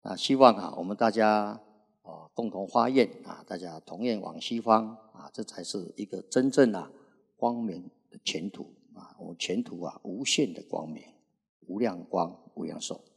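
An older Buddhist monk in his sixties preaches slowly, with long "ah" fillers between his phrases. His voice is low, gravelly and husky, and it carries a long reverb, as though recorded in a large hall. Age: 60s. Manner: unhurried preaching, frequent drawn-out "ah" fillers. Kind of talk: Buddhist sermon.

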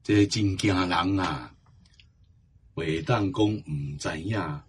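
A man giving a Buddhist Dharma talk, slow and emphatic, drawing out the ends of his phrases. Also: low-pitched, slightly rough. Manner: slow, emphatic exhortation with drawn-out endings. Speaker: Buddhist teacher.

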